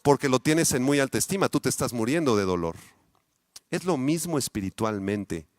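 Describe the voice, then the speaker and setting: A man with a Mexican accent, a pastor delivering a sermon, speaking straight to his congregation with many rhetorical questions, his voice swinging between loud peaks and quiet, low asides. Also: animated, normal speed, no room sound. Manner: addresses the congregation directly with frequent rhetorical questions.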